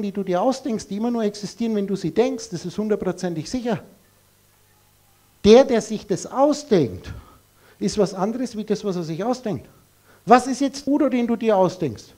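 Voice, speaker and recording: A man's voice: high-pitched, normal speed, darkish tone. A man giving a live lecture to an audience in a blunt, emphatic way, full of rhetorical questions.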